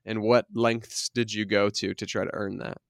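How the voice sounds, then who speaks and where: Smooth-voiced man asking podcast questions. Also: lowish voice, little pitch movement, normal speed, no room sound, clean studio sound. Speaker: podcast host. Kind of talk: casual podcast discussion.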